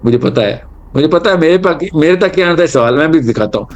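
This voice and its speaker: A man voicing a calm, wise man who answers a challenge firmly and patiently. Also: on the high side. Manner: firm, patient explaining.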